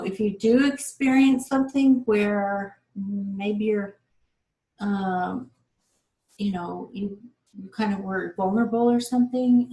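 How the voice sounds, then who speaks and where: A woman speaks slowly and reflectively in a casual conversation about personal growth. She pauses often, filling the gaps with soft "ums.". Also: medium pitch, poor audio. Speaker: co-host.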